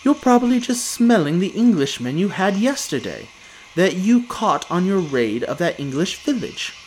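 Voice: mid-range voice, very animated, moderate pace, darkish tone, a little hiss or hum, pitched above the performer's own voice, lightly acted. A storyteller voicing a giant's cheerful, coaxing wife in a children's story.

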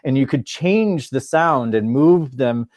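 A man's voice: mid-range voice, lively intonation, takes it slowly, a little mellow, dry recording, clean studio sound. A middle-aged man from Michigan telling a story in a casual interview, chatty and laughing often. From Michigan, USA. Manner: chatty, laughs often, acts out quoted voices. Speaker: guest, therapist and musician.

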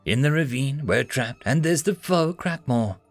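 A man's voice: mid-range voice, lively intonation, unhurried, soft background music. A man voicing a blunt young female adventurer who speaks in a dry, clipped way. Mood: wry.

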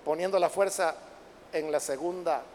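A man preaching a Bible study sermon, who reads the verses slowly and with force, then explains them in a conversational way and calls his listeners brothers. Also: fairly high pitch, darkish tone, a little hiss or hum. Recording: long hall reverb.

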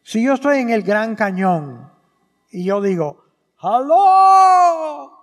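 During Mass, a priest preaches a sermon in a high voice with big pitch swings and a measured pace. He repeats key phrases and puts questions to the congregation, and the church hall adds long reverb.

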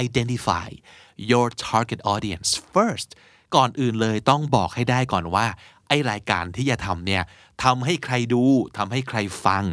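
A man's voice: medium pitch, a bit bright, no echo, clean studio sound. A young adult man hosting a casual vocabulary lesson, chatting through explanations and spelling words out letter by letter. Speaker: English teacher and host.

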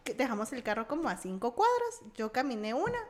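A woman's voice: a little high, fairly quick. A young woman from Guatemala with a Guatemalan Spanish accent, telling a personal story as a podcast guest and acting out the voices of the people in it. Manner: animated, acts out quoted voices. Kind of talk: casual storytelling.

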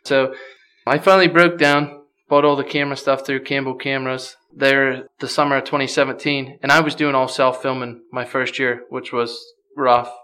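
A man's voice: medium pitch, little pitch movement, moderate pace, bright, forceful tone, a little hiss or hum. A man from Pennsylvania, a guest on a podcast, chatting casually and easily with many fillers. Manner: easygoing, many "you know" fillers. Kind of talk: casual chat.

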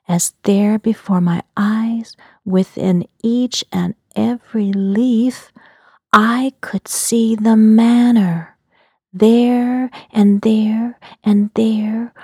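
A woman narrating a dreamy fantasy story in a soft, breathy whisper. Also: medium pitch, dry recording, studio quality.

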